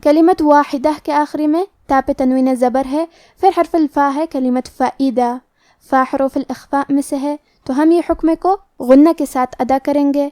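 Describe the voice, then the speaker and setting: A woman teaching recitation rules in a slow, methodical lesson, explaining each rule step by step. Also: high voice, warm tone, dry recording, clean studio sound.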